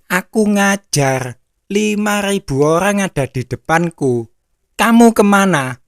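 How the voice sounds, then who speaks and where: A man's voice: high voice, animated, takes it slowly, dry recording, studio quality, pitched above the performer's own voice, full character voice. A man voicing Jesus as a stern male teacher who questions and rebukes a wayward disciple in a sermon. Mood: questioning.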